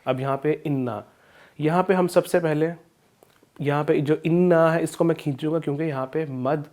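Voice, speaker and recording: A man teaching an Islamic studies lesson with a Pakistani Urdu accent, explaining rules slowly and chanting verses in drawn-out recitation. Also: fairly high pitch, steady tone, a little mellow. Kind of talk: recorded video lesson with Quran recitation.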